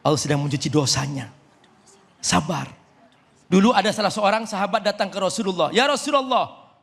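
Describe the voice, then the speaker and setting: A man preaching to a live audience, lively and joking, switching between loud emphatic lines and soft asides. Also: high-pitched, a little fast, gravelly. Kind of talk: sermon to an audience. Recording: long hall reverb.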